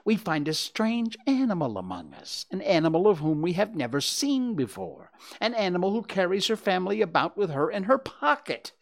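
A storyteller voicing a bossy, self-important, scheming rabbit in a children's storybook, with a deliberate, pompous manner. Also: medium pitch, big pitch swings, creaky, voice pushed up. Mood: indignant.

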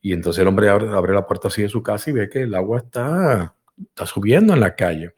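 Animated Spanish-speaking male storyteller. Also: on the low side, brisk, breathy edge. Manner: animated storyteller, acts out voices and engine sounds. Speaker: host. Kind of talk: live call-in talk with a told joke. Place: live online broadcast.

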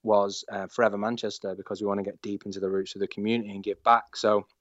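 A man's voice: lowish voice, little pitch movement, quick pace, dry recording. A man, an enthusiastic startup founder talking as a guest in a casual interview, rambling and restarting his sentences. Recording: dull lo-fi sound.

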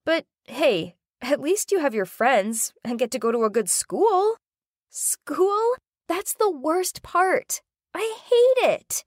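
Teen twin sister, bored and blunt, high voice, lively swings, as a woman puts her on for a story. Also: slow pace, dry recording, studio quality. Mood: eager. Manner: blunt and complaining. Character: restless teenage girl, twin sister, bored rich kid.

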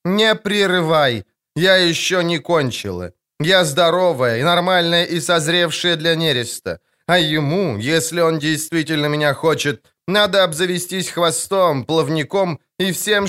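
A man's voice: on the high side, animated, unhurried, fairly bright tone, voice pushed up. A man reading an audiobook, voicing a vain, indignant young female siren in a sing-song, whining voice. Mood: demanding. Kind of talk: audiobook character voice.

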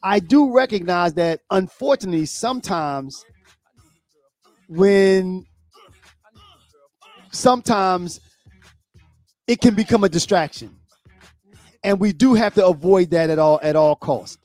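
A man co-hosting a casual talk show, speaking in halting bursts and often repeating and restarting his words. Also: high-pitched, a little mellow, no room sound, soft background music. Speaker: co-host.

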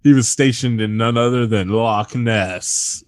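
A man with a fairly low-pitched, unhurried voice hosts a comedy podcast, reading a countdown list of strange stories aloud. He keeps breaking into laughter and asides.

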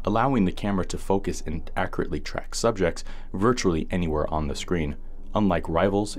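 A man with a low-pitched voice delivers scripted countdown narration in the manner of a top ten product review. He reads out items and features in a measured, orderly way. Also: a little mellow.

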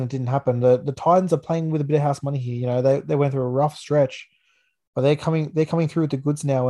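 Male Australian podcast host, soft-edged warm timbre, matey everyday-bloke delivery, casual sports review. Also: mid-range voice.

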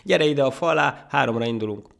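A man's voice: medium pitch, gravelly, pitched above the performer's own voice. A man voicing an arrogant, mocking male monkey in a storybook tale. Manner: scornful, loud, laughing. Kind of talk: storybook character voice.

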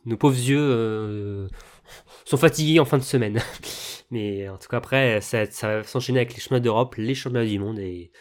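Relaxed man hosting a sports podcast. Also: mid-range voice, normal speed. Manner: hesitant, relaxed, leads the talk. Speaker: podcast host. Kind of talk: casual sports chat.

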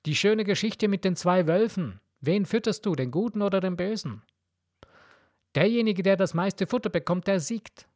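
A man's voice: high voice, normal speed, no echo, clean studio sound. A man hosting a podcast, talking straight at the listener in a blunt, preachy motivational monologue. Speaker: podcast host.

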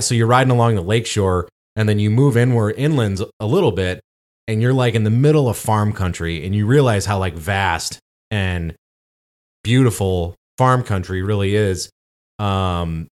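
A man, co-hosting a podcast and telling a travel story in casual chat, with lots of fillers. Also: on the low side. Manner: rambling storytelling with many fillers. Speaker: podcast co-host.

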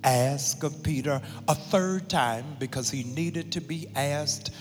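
A man preaching a sermon as pastor, slow and emphatic, with dramatic pauses. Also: a little high. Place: large church sanctuary. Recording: long hall reverb with faint music.

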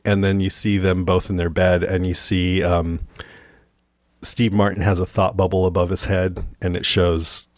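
A man's voice: sits low, level tone, normal speed, no echo, studio quality. A man hosting a podcast, talking casually about favorite movies and animatedly acting out lines. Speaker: podcast host. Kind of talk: casual film chat.

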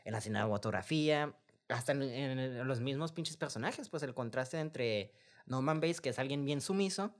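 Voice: medium pitch, animated, moderate pace. A speaker with a Mexican accent in a casual film review chat, co-hosting with heavy slang and swearing. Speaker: podcast co-host.

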